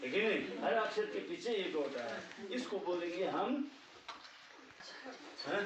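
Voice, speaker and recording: A man's voice: sits high, lively intonation, unhurried, background noise. Male language teacher, patient classroom delivery, dull distant recording. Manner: patient, repeats "ठीक है" often, checks understanding. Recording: echoey room, distant mic, dull sound.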